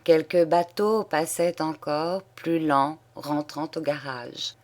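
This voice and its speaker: A woman reading a classic story aloud in calm, measured narration. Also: low voice. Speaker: reader.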